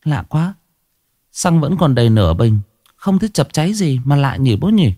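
A man's voice: fairly high pitch, lively intonation, moderate pace, darkish tone, no echo, pitched above the performer's own voice, close to an everyday voice. A nervous young woman stammers and pleads in a raised, lifted voice, as a man puts her on while narrating. The sound is dry and near the mic. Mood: anxious. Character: anxious young woman, a daughter-in-law.

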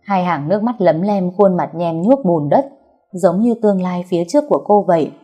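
Casting: woman audiobook narrator, low and mellow, soft music underneath. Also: expressive, a little fast. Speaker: storyteller. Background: faint music.

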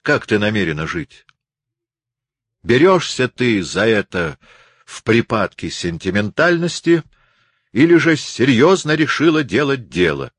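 A man's voice: lowish voice, lively intonation, normal speed, fairly bright tone, no echo. A man voicing a self-assured young man in an audiobook, insistent and lecturing. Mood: demanding. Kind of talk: audiobook reading.

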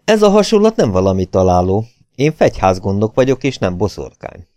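A haughty prison warden who speaks stiffly and formally, with a self-important air, as a male narrator plays him. The voice stays low. The audiobook recording is dry and close. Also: sing-song, mellow, dry recording. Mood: pompous. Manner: pompous, formal.

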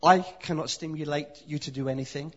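A husky, slightly higher-pitched man preaching with a London accent, delivering a sermon in short bursts that leave room for interpretation. The recording is muffled and a little lo-fi, as if taken from a church sound system. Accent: London English. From London, England. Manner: lively, pauses for interpreter, speaks in short phrases. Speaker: visiting preacher.

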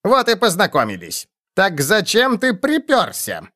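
A man voicing a shrewd, sharp-tongued male goblin who mocks and explains. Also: sits high, sing-song, voice pushed up. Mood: mocking. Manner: mocking, quick retorts.

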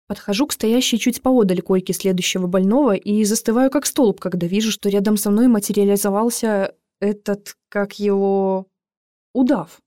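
A woman narrating a first-person audiobook in a lively, expressive way. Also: mid-range voice, moderate pace, no room sound, studio quality.

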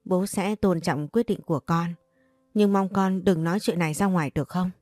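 A woman's voice: fairly low pitch, normal speed, a little mellow, no echo, clean studio sound, soft background music, natural voice. A woman reading the lines of a stern middle-aged father in a narrated story. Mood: grave.

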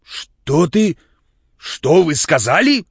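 A man's voice: a little high, sing-song, slow pace, creaky, husky, no echo, voice pushed up, exaggerated voice. A man voicing an older, pompous doctor whose voice trembles with feeling. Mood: indignant shouting. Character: older male doctor, pompous, hot-tempered, kindly. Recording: dull, dry lo-fi recording.

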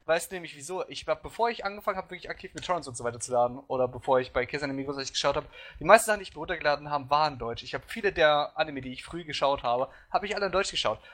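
Casual podcast co-host, male, quick and animated, lectures his point and slips in English slang. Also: fairly high pitch. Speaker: podcast participant. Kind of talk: casual debate chat.

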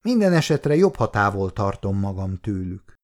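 A man voicing a kind, weary old man in a wheelchair in an audiobook, speaking calmly and gently. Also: on the low side. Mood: gentle.

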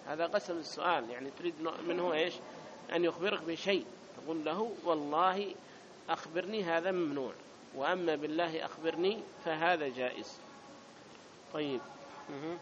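Speaking a bit high and fairly quickly, a man leads a classroom lesson on Arabic grammar, restating points and asking whether everyone is keeping up. It sounds muffled, with noise in the background.

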